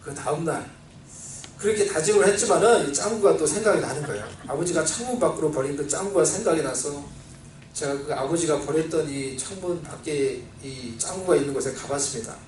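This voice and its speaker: A man preaching a sermon as pastor, telling a childhood story in an animated way and acting out the voices he quotes, with a Seoul Korean accent. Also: on the high side, brisk. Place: church sanctuary. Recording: roomy, distant church recording with faint ambience.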